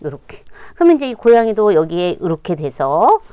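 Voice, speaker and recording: A middle-aged woman teaching a sewing class, talking casually as she demonstrates each step and dropping to a quiet murmur while she stitches. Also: lowish voice, very animated, moderate pace, clear, resonant tone, no echo. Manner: demonstrative, repeats "like this" while working. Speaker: sewing instructor. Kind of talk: casual hands-on sewing tutorial. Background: sewing machine running.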